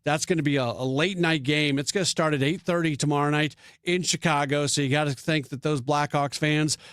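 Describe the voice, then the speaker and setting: A man's voice: on the high side, steady tone, brisk, a bit bright, clean tone, no echo, studio quality. A man hosting sports radio talk, thinking aloud with frequent restarts and fillers.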